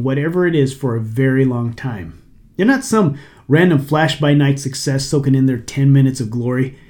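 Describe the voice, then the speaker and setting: Man, middle-aged podcast host, casual and motivational, a touch sarcastic, slightly higher voice. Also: a little mellow. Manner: conversational, lightly sarcastic, motivational. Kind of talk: casual solo podcast talk.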